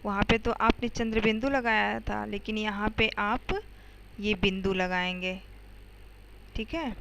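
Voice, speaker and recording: A woman's voice: mid-range voice, steady tone, a little slow, gravelly, fairly bright tone, slight background noise, low-quality recording. A woman teacher explaining grammar to schoolchildren step by step, often checking in with "okay" and asking the students questions. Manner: addresses students directly with questions.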